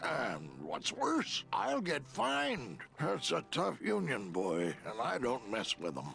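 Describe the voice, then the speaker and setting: An actor voicing a gruff, salty old dockmaster in a video game, talking like an old fisherman with a gravelly, wry delivery. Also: medium pitch, wildly swooping pitch, slow pace, a bit bright, full character voice. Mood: stern, warning. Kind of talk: animated video game character acting. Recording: game music underneath.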